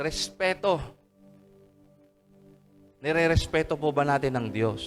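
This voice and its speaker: A man's voice: on the high side, a bit bright. A man with a Filipino accent, a pastor preaching a sermon at a worship service, switching between English and Tagalog and calling out "Amen?" to his congregation. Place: church service hall.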